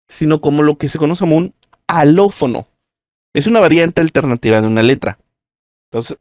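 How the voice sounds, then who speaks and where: A man's voice: on the high side, a little mellow, dry recording. Man teaching a language lesson, dry sound. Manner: explanatory, talks through examples step by step. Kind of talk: live-streamed language lesson.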